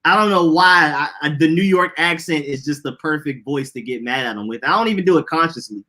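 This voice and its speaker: Speaking a little fast with a sharp tone and a voice on the high side, this young podcast co-host from Atlanta rambles through slangy stories in relaxed chat.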